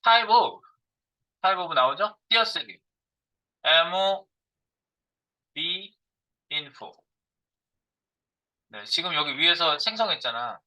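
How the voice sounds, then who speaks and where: A man's voice: fairly high pitch, lively intonation, slow, pauses often, bright, forceful tone, rough recording. A middle-aged man giving a live coding lecture as a programming instructor. He thinks aloud while he types, asking and answering his own questions.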